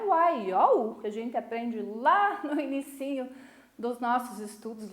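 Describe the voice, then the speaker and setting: A Brazilian woman teacher giving a recorded lesson, patient, checking in often with short tag questions. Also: on the high side. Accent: Brazilian Portuguese. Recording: echoey room.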